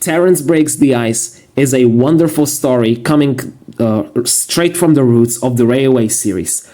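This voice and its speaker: A man narrating a casual video review in a monotone, matter-of-fact way. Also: medium pitch, measured pace. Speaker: YouTube reviewer.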